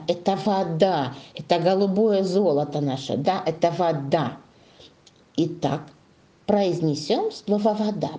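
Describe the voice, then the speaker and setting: A woman leads a young class through a lesson, her pitch swinging up and down as she coaxes answers from the pupils. Her voice is mellow and soft-edged, and she stretches out key words slowly while dictating. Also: muffled recording. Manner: slow, drawn-out dictation to young children; coaxing, sing-song questioning. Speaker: primary school teacher.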